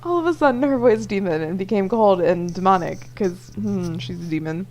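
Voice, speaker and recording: A woman's voice: medium pitch, expressive, normal speed, darkish tone. A young woman reading a visual novel aloud with playful, giggly commentary and the occasional swear. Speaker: let's play host.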